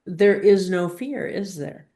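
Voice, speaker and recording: Her voice on the low side and mellow, a woman leads spiritual instruction with slow, halting phrases. She pauses for emphasis and asks guiding questions along the way.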